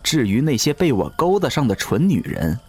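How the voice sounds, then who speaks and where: A man voicing a cruel, gloating undying seducer in an audio drama, speaking in a slow, sneering, mocking way. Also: medium pitch, wildly swooping pitch, a little mellow, breathy edge, soft background music, exaggerated voice. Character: ageless male river-god servant, cruel gloating seducer.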